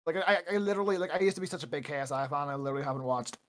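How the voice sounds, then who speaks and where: A young man co-hosting a casual podcast chat. He swears freely, laughs often and breaks into quick rants. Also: a little high, a little hiss or hum. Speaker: podcast co-host.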